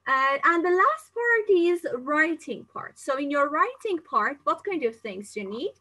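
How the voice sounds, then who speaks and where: A woman's voice: high-pitched, very animated, a little slow, sharp tone, poor audio. A woman from Singapore, an English teacher giving a live-streamed exam-prep lesson, reading viewer questions aloud and answering them chattily with lots of fillers. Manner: frequent fillers and restarts, non-native phrasing.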